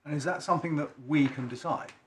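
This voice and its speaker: A man's voice: a little high, fast talker, a bit bright, a little hiss or hum. A man speaking as an appeal judge, putting short questions and remarks to counsel. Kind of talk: brief courtroom interjections and questions.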